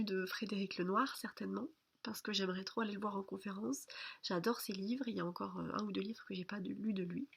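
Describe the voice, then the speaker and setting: A woman speaking softly, almost whispering, in a late-night video diary. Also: mid-range voice, vocal fry, slightly rough. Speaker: vlogger.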